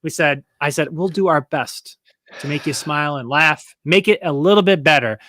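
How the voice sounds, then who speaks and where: A man hosting a livestreamed trivia game, with a voice a little higher than most men's. He teases his contestant and reads the chat aloud in a playful way. The sound is dry and close, with no room echo. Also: normal speed, fairly bright tone. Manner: playful, teasing, reads questions and chat comments. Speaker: trivia host.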